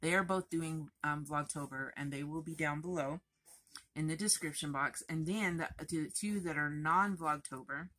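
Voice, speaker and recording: A woman crochet vlogger talking in a chatty, rambling, expressive way to her viewers. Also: low-pitched, normal speed. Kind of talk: casual chatty vlog.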